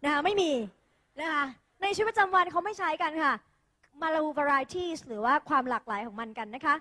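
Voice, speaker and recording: With long hall reverb that suggests a phone recording, a Thai woman's high, bright voice guides an English class, playfully encouraging students she calls "kids" and "dear." The tutor is brisk and lively, repeatedly drilling their pronunciation.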